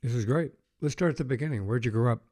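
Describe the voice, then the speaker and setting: A man hosts a podcast in a soft, mellow voice. He opens with a tidy scripted introduction before settling into a measured, conversational interview, often pausing on fillers as he gathers his thoughts. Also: medium pitch. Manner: measured, hesitant with fillers when chatting. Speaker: podcast host.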